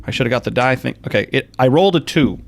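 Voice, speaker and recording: A man's voice: medium pitch, expressive, quick pace, gravelly. A man hosting a board game over an online call. He talks casually and teases the players with playful jabs. His voice sits in an everyday middle register. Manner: joking, teasing, mock infomercial asides. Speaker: game host.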